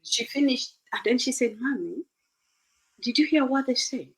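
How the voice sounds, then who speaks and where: A woman's voice: sits high, lively intonation, moderate pace, vocal fry, poor audio. A middle-aged woman from Uganda, a guest in an interview, earnestly giving advice and acting out conversations with her children.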